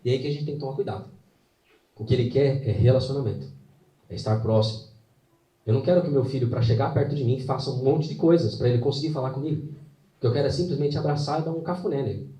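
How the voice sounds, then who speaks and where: Man, live faith talk, earnest storytelling, dramatic pauses, roomy hall, distant mic. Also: medium pitch, dark tone. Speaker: motivational faith speaker. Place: hall with an audience.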